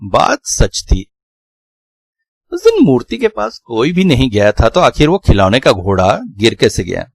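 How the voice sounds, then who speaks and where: A man telling a scripted horror story in a slow, dramatic, suspenseful way. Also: mid-range voice, wildly swooping pitch, gravelly, breathy edge, dry recording.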